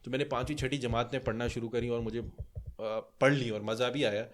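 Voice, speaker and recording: A man's voice: mid-range voice, steady tone. A young man from Pakistan on a podcast, chatting casually and rambling through a story with many fillers. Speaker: podcast co-host.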